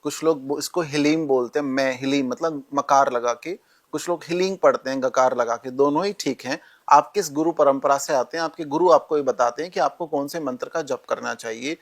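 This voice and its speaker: A man guest calmly explaining rituals and mantras in an interview, speaking directly to the listener. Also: mid-range voice, fairly quick. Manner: calm, instructive, addresses listener directly. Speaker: astrologer guest.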